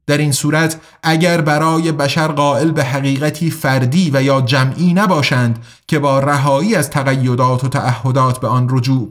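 A man narrating an audiobook in a measured, even reading voice. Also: on the high side.

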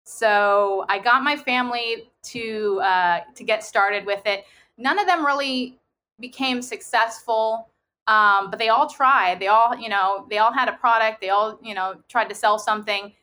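A woman's voice: fairly high pitch, measured pace, pushed and bright. A woman speaking as an interview guest, recounting her experiences in a casual, conversational way. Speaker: podcast guest, online seller.

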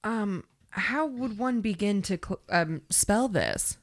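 A woman co-hosting a casual chat, reacting quickly and playfully with jokes and swearing. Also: mid-range voice, expressive.

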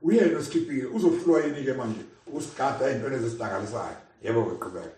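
A man's voice: mid-range voice, animated, racing, dark tone. A man with a Zulu accent preaching a sermon, exhorting and repeating phrases for emphasis. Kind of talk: sermon, repeating a scripture reader and expounding. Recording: very echoey room, far from mic.

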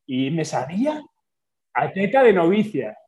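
A man chatting casually on a podcast, telling anecdotes in a relaxed way. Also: on the high side, measured pace. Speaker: podcast co-host. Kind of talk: casual chat, storytelling.

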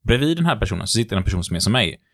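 A man tells stories in a relaxed podcast chat. He is a lecturer and acts out what people said in his stories. The sound is close and dry, with no room echo. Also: on the low side. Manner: lively storyteller who acts out the quotes. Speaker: lecturer on behaviour and body language. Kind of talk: casual podcast chat, storytelling.

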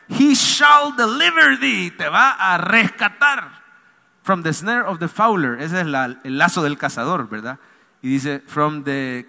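A man's voice: high-pitched, pushed and bright. A man, a pastor preaching a sermon with call-and-response, pleading and emphatic, in a church hall. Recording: long hall reverb.

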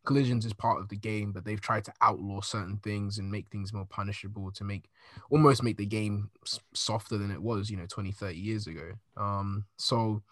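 Guy on a podcast talking sports stuff in a rambling way, slightly low voice, dry. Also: fairly even intonation, brisk, a bit bright, no room sound. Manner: thoughtful, rambling with "um" and "like". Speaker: podcast co-host. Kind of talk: casual group chat.

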